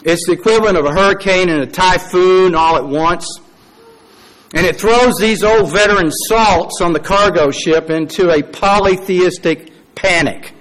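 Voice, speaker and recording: A man preaching a sermon, telling a story with dramatic pauses, acted quotes and wry, folksy asides. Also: high voice, fairly bright tone, rough recording.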